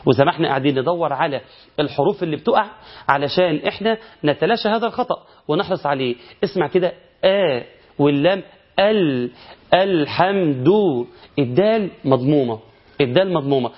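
Man, Egyptian accent, recitation teacher, quick talker, slightly high voice, dull lo-fi sound. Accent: Egyptian Arabic. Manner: explains errors, then chants verses slowly. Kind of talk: recitation lesson. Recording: dull lo-fi recording.

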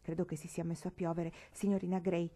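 A woman voicing a calm, kindly young male curate who speaks placidly and half in jest, in an audiobook reading. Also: lowish voice, fast talker, natural voice.

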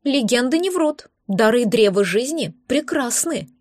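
A woman's voice: expressive, measured pace, darkish tone, dry recording, clean studio sound. Woman voicing a grumpy baby dragon. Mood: excited. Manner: grumbling, touchy, squeaky when scared. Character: tiny grumpy newborn male dragon. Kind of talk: audiobook character voice.

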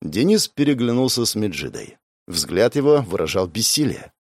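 Expressive male audiobook narrator. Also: on the low side, normal speed, no room sound, studio quality. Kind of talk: scripted narration.

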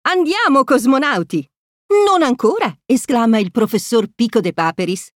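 Woman narrator for a kids' storybook, fairly high and animated, dry close recording. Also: no room sound. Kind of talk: storybook read-aloud.

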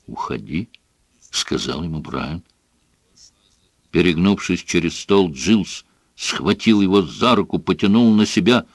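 A man narrating an audiobook in a dramatic, expressive reading. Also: sits low, measured pace, pauses often, no echo. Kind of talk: scripted narration.

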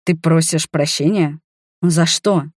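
A woman voicing a gentle, shy wanderer man who talks softly and tenderly to his beloved in an audiobook. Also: on the high side, fairly even intonation, slow, dry recording, studio quality. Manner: soft, tender and reassuring. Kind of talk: audiobook character voice.

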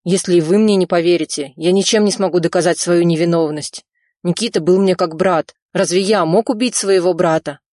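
A woman's voice: on the low side, fairly quick, dry recording, studio quality, lightly acted. A woman reading the part of a frightened Georgian man on the run, speaking tensely and insistently. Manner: tense, insistent, shouting on the phone.

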